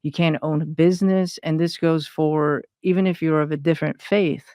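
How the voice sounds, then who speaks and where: Woman from iran telling her story, smooth clear voice, lots of ums, dry sound. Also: sits low, steady tone, moderate pace, dark tone, no echo. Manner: hesitant, many fillers and restarts. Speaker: guest, intuitive consultant. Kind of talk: personal interview talk.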